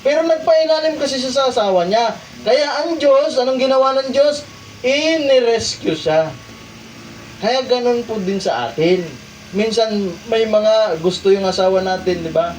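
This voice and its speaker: A man from the Philippines preaching a sermon, asking the congregation rhetorical questions and swinging between loud emphasis and quiet asides. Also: extremely high pitch, normal speed, recorded from a distance, a little hiss or hum, rough recording. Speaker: pastor. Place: church hall.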